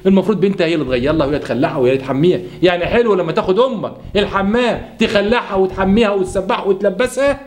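A man voicing a resentful young wife with an Egyptian accent, sharp and dismissive. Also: high voice, rapid-fire, few pauses, lightly acted. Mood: cold, scornful. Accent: Egyptian Arabic. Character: resentful young wife refusing her mother-in-law.

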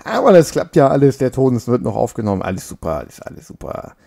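Gravelly and warm, this medium-pitched male voice has a sing-song lilt and a quick pace. He's a let's play gamer recording at home on a makeshift mic, tossing out casual, joking commentary while he plays and now and then scolding his character.

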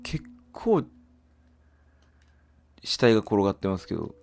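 A man's voice: lowish voice, sing-song, measured pace, creaky, darkish tone. A man doing casual game commentary, reacting aloud and putting questions to viewers about what is on screen. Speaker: gamer playing and commentating. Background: game music.

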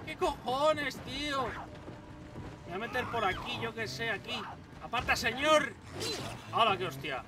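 A young man with a Spain Spanish accent, giving excitable let's-play commentary, yelping and swearing at every scare. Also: extremely high pitch, a little slow, pauses often. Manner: yelps, swears and exclaims constantly, jumpy. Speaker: gaming channel host. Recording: distant mic with clear background noise.

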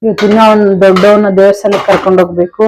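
Young woman, home vlogger; chatty and direct, mid-pitched everyday voice. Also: little pitch movement, quick pace, background noise. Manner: chatty, talks straight to viewers. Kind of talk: casual home vlog narration. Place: home kitchen.

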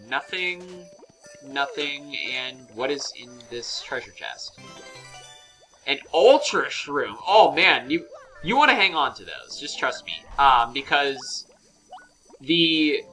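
A man's voice: mid-range voice, pushed and bright, rough recording. A man giving casual, rambling game commentary, with fillers and self-corrections. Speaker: let's play commentator.

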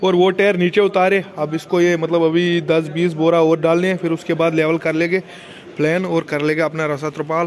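A young man in his twenties, a truck driver vlogging casually and chatting as he explains his work, filmed on a handheld phone outdoors in a loading yard. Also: a little high. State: tired. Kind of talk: casual vlog commentary. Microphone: phone camera held by hand.

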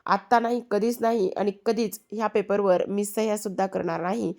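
A woman's voice: medium pitch, fairly even intonation, moderate pace, a little mellow, lightly acted. A woman voicing a stubborn young heiress who indignantly refuses, in quoted lines from a serial recap. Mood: defiant.

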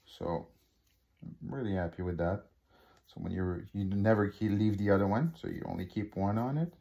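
A deep, gravelly man's voice with a dark tone speaks at normal speed on a muffled recording. He's a hobby unboxing vlogger from Quebec, a native French speaker with a Québécois accent, chatting casually through an unboxing full of fillers and restarts. He films on a phone held over a living-room table.

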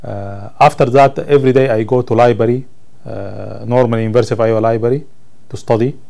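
This is a man in his thirties from Sudan, a native Arabic speaker and college ESL student, giving interview answers about his life while seated on camera in an indoor room. He gropes for words in halting, Sudanese Arabic-accented English. His medium-pitched voice is mellow and steady, with vocal fry.

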